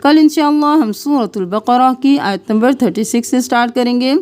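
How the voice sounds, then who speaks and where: A woman teaching Quran recitation with tajweed. She draws out recited syllables slowly, then explains each rule in brief asides. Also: a little high, a little mellow.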